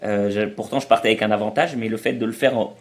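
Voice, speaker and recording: In a relaxed interview, a middle-aged guest who travels as a parent explains and tells stories, stumbling and starting over now and then. His voice leans low, with fairly even intonation and a quick pace.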